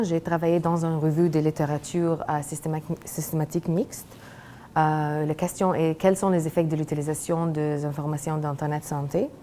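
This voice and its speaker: A young woman gives an academic presentation in non-native French with a foreign accent. Her voice is low and dark, and she speaks hesitantly, often searching for words. Faint noise sits behind her. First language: not French. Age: young adult. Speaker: graduate student presenting research. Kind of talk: academic presentation of a thesis project.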